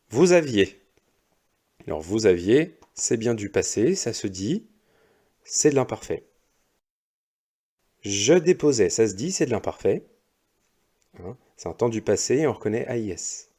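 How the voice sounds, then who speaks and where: A male primary school teacher going over exercise answers slowly and patiently, one step at a time. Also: on the low side, mellow. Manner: slow, patient, explains step by step. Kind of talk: recorded lesson correcting exercises.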